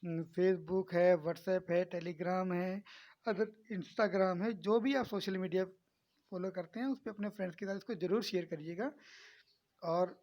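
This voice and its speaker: A man's voice: high voice, fairly even intonation, unhurried, darkish tone. A man teaching a spoken English lesson, addressing his students kindly and repeating each sound firmly to drill it.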